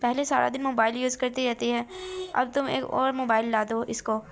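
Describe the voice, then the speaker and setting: A woman's voice: a little high, little pitch movement, moderate pace, creaky. Woman reading as a doubting, scolding mother. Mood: doubtful.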